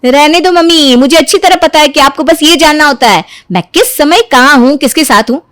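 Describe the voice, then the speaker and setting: A woman's voice: high voice, fairly quick, fairly bright tone, no echo, clean studio sound. A woman voicing a touchy, defiant young woman who snaps and whines when she talks back. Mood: snappish. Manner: snappish, whiny, talks back.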